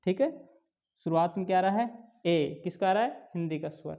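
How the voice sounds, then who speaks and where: Guy teaching grammar, mellow low-key voice, keeps asking questions then answering them, drags out the examples slow. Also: gravelly, muffled recording. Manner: asks questions and answers them himself, emphatic; drawn-out slow pronunciation of examples. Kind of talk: classroom lesson explaining English grammar.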